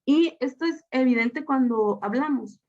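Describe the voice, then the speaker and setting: In a high, slightly mellow voice and at a measured pace, a Guatemalan woman teaching as a student teacher walks through a slide lesson. She often uses fillers and restarts herself, and the recording sounds a bit dull and lo-fi.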